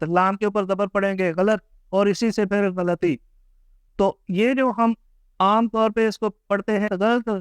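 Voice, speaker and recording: Patient teacher, man, high clear voice. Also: no echo. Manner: patient, spells words out letter by letter and repeats them slowly. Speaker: Urdu pronunciation teacher. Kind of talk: slow, careful teaching monologue.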